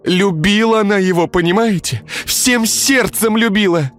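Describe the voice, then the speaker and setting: A man's voice: sits high, brisk, a bit bright, a little hiss or hum, voice pushed up. A man reading a story, voicing a frightened young village girl who sobs and pleads. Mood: distraught pleading. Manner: sobbing, pleading, crossing herself.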